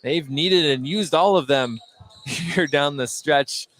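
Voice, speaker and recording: Taking it slowly, a man with a slightly bright voice on the high side calls a basketball game live on the radio. His play-by-play is short and clipped, rising on big plays, with gym noise behind him in a clearly noisy broadcast.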